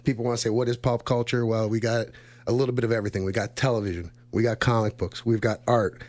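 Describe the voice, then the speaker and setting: A man's voice: on the low side, steady tone, fast, darkish tone, dry recording. Chatty, slightly winded young man hosting radio. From Canada. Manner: chatty, laughs often, rambling with fillers. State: a little out of breath. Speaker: radio show host. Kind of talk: casual radio chat. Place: campus radio studio. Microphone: studio mic.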